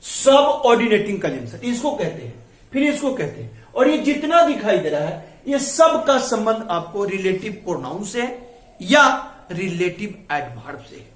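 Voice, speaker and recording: High-voiced man teaching in an echoey room. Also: sing-song, normal speed. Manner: explains step by step, repeats key terms. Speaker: English teacher. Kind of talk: classroom grammar lesson.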